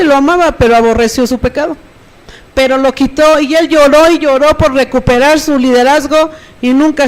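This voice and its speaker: A middle-aged Mexican woman preaches a sermon from the pulpit. She speaks with a Mexican accent and keeps drawing in her congregation with quick rhetorical questions. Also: sits high, low-quality recording. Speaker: pastor.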